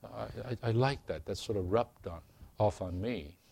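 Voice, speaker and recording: A man preaching a sermon to a congregation, earnest and unhurried, growing emphatic as he reads and explains scripture. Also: lowish voice, vocal fry, darkish tone. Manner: slow, earnest, calls for amens, rising to emphatic preaching.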